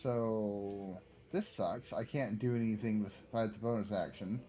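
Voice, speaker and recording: A man playing a co-op game with friends, joking around in relaxed banter. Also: fairly low pitch, unhurried. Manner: joking, laid-back banter. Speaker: co-op game player. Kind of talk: casual gaming chat.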